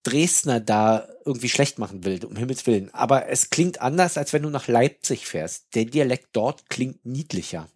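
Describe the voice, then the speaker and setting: A man from Berlin, co-hosting a podcast in lively, chatty conversation. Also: medium pitch, breathy edge. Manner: lively, chatty, quick to laugh. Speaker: podcast co-host. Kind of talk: casual chat.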